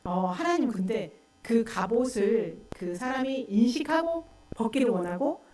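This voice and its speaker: A woman's voice: a little high, lively intonation, a little slow. A woman pastor preaching a sermon. She asks the congregation questions and answers them herself. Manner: acts out quoted voices loudly. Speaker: pastor and counselor. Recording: echoey room, mic at a distance, faint hum.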